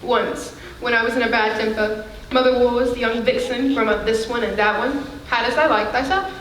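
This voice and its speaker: A woman playing a cheerful young Yorkshire housemaid, brisk and down-to-earth in broad dialect, in a live stage play. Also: on the high side, steady tone, fairly bright tone, slight background noise, lightly acted. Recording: echoey theater, mic far off.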